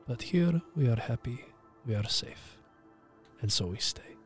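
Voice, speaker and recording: Ancient benevolent male dragon, as a game master puts him on: deepened, slow, measured, hushed, mock-Russian accent. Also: soft background music, lightly acted. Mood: calm, protective. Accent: put-on Russian-like accent. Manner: slow, calm, measured pronouncements.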